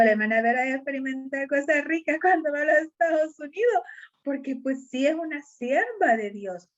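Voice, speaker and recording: Earnest woman preaching, muffled recording. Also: fairly high pitch. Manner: earnest and conversational, addressing listeners as sisters. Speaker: preacher at a women's church meeting. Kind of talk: sermon. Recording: dull lo-fi recording.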